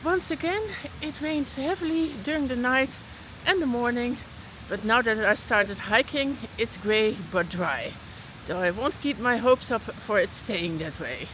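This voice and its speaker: A woman's voice: fairly high pitch, expressive, measured pace, few pauses, a bit bright, slight background noise, poor audio. A woman hiking vlogger talking casually outdoors on a mountain trail in the rain, chatty with frequent fillers. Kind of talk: casual vlog narration while hiking.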